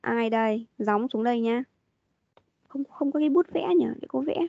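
A woman's voice: fairly high pitch, moderate pace, creaky, dark tone, no echo. A woman teaching an online English class, patiently prompting and repeating her questions over a video call. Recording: dull lo-fi meeting audio.

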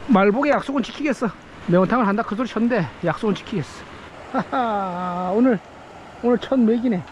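A fishing vlogger talks briskly in a high voice, chatting and exclaiming to himself while he eats and fishes on a rocky riverbank at night and in daylight. The head-mounted action camera gives a muffled recording with a little hiss or hum, and the narration is casual.

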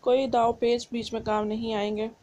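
A playful, bossy young husband from a romance novel, read aloud by a woman. The voice sits fairly high and soft, with little rise and fall. He teases more than he acts out. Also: little pitch movement, moderate pace, natural voice. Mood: teasing.

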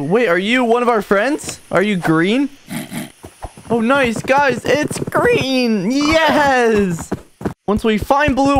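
Voicing an eager, excitable orange stick figure who searches for his lost friends, a woman speaks on the high side with youthful slang and exclamations in this amateur cartoon fan dub. There's slight background noise.

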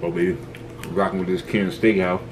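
A man's voice: low voice, level tone, fairly quick, background noise. A man co-hosting an eating video, talking casually with his mouth full of pizza. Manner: laid-back, slangy. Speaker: mukbang co-host. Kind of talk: casual chat while eating.

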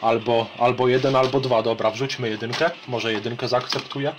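Polish male vlogger, 30s, average pitch, informal rambling chat and game commentary, recorded at home. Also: fairly even intonation, fairly quick, music in the background. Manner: colloquial, rambling. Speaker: retro gaming vlogger. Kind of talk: casual chat and gameplay commentary. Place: small home room with shelves.

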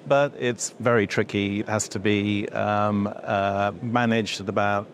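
A man's voice: lowish voice, fairly even intonation, a little slow, a little hiss or hum. A middle-aged man, an industry association executive, answering interview questions, with many fillers and restarts as he explains. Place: indoor event room before a logo backdrop.

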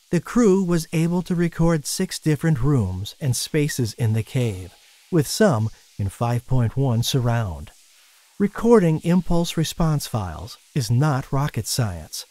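A man giving scripted documentary narration in a measured, explanatory way, recorded as a voice-over. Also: medium pitch, darkish tone.

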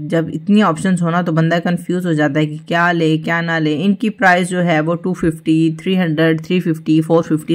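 A young woman, chatting through her shopping trip and listing prices in a friendly, easy way. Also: low voice. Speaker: shopping vlogger. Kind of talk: casual voice-over narration of a shopping trip.

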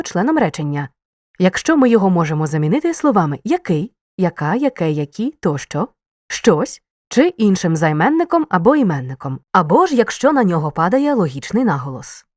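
A woman reading a scripted grammar lesson, explaining clearly and stressing key words. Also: mid-range voice, big pitch swings, brisk, darkish tone, no echo, clean studio sound. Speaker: teacher.

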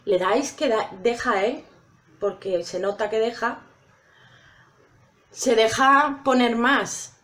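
A woman's voice: fairly high pitch, slow, long pauses, a bit bright. A woman chatting casually to her viewers while trying out makeup. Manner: chatty, addresses viewers directly. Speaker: makeup vlogger.

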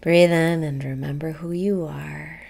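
Slow, gravelly-edged woman guiding meditation softly. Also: low-pitched, fairly even intonation. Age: young adult. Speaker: meditation guide. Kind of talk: guided meditation. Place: small room indoors.

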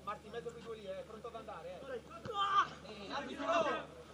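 A man's voice: high voice, lively intonation, normal speed. Man barking commands from the sideline. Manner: urgent, barking short commands. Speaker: youth football coach. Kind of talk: shouting instructions from the sideline. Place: outdoor football pitch. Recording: outdoor field audio with crowd noise.

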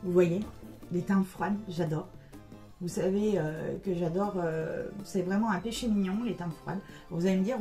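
A woman's voice: mid-range voice, dark tone. A middle-aged woman chatting casually through a makeup review as a beauty vlogger, with many hesitant fillers.

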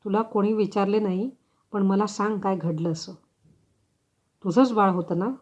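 Woman reading as a gentle woman advocate. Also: medium pitch, fairly even intonation, normal speed, natural voice. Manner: gentle, reassuring questions. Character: kind, calm woman advocate, gently questioning. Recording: slightly dull lo-fi recording.

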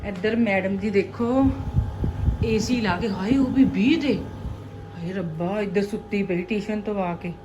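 A woman's voice: mid-range voice, unhurried, dull audio, over music. A middle-aged woman vlogging at home in a dramatic aunty manner, exclaiming and scolding her family. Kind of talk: casual home vlog chat. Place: indoors at home, household sounds behind. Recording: noisy handheld home recording.

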